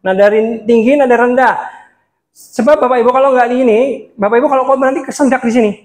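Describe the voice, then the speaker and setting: Animated high-voiced man teaching preaching. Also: fast talker. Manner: animated, swings pitch up and down, laughs often. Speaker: preaching trainer. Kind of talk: lively workshop teaching. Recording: echoey room sound.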